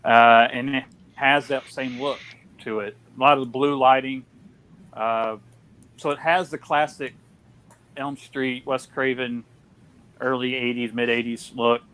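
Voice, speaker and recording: A man's voice: mid-range voice, steady tone, measured pace, a bit bright, clean tone. A man hosting a casual film discussion, chatty with lots of fillers and restarts. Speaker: podcast host.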